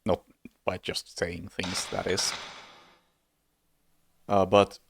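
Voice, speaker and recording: Chuckling low-voiced male streamer, rambling. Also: flat delivery, very slow, gravelly, a bit bright, slight background noise. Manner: rambling, chuckles often, self-correcting. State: sleepy, yawning. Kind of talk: casual gameplay commentary.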